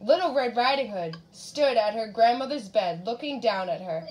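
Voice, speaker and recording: A woman reading a picture book aloud to a young child, pausing to ask questions about the pictures. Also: fairly high pitch, a little hiss or hum, low-quality recording. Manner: animated, asks the child questions. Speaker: reader.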